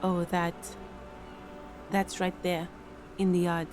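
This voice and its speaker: A man's voice: high voice, completely flat delivery, slow, pitched above the performer's own voice. A man voicing a polite, obliging woman gardener in a video game. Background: game music.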